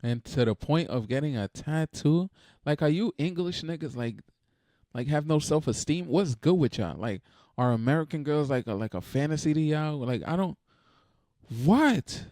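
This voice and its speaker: A man's voice: a little high, expressive, moderate pace, dark tone, no echo, clean studio sound. A man hosting a reaction video, talking in a blunt, profane, exasperated casual rant.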